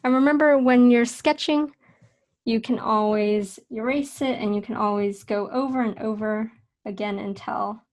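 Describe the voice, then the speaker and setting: A young woman teaching a casual drawing lesson, talking in a relaxed, chatty way with fillers and self-corrections. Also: a little high, normal speed. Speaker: art instructor.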